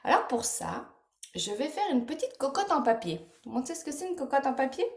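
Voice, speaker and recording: A woman teaching a class of young children, animated and sing-song as she acts out emotions for them. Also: high-pitched, brisk, roomy sound. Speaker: French teacher.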